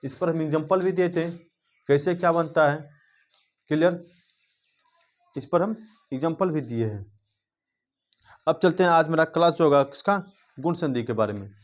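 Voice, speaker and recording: Man teaching grammar, raised pitch. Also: normal speed, pauses often. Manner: drills with repeated check-ins, asking the class questions. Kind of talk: grammar lesson.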